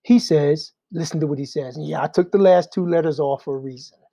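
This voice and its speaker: Male Sunday school teacher, warm tone, dry close sound, conversational with rhetorical asides. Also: fairly high pitch, a little fast, vocal fry, no room sound. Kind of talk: adult Bible class teaching.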